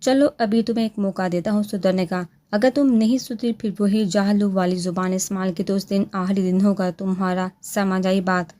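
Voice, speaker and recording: A woman's voice: medium pitch, steady tone, normal speed, hardly any pauses, dark tone, lightly acted. A woman reading the lines of a menacing young policeman husband in a story, mocking and commanding. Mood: threatening.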